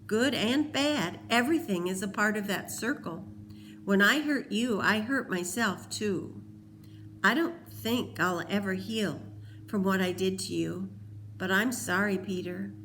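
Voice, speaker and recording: A woman's voice: mid-range voice, a bit bright, a little hiss or hum. A woman reading aloud voices a remorseful teenage boy who pleads earnestly. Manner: pleading, earnest, then whispering.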